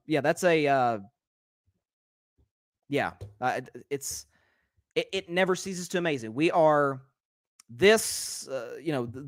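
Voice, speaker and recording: Hosting his own sports talk show, this young man talks quickly and with energy, reads out comments from viewers and repeats words as a point takes shape. His voice sits on the high side, and the studio-quality recording has no room sound.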